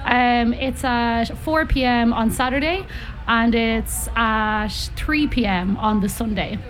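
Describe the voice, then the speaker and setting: A woman's voice: on the high side, fairly even intonation, slow, soft background music. A young woman from North County Dublin with a Dublin accent, a circus performer chatting as a guest on a live radio interview with lots of ums and uhs. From Ireland, grew up in North County Dublin. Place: live radio broadcast on location.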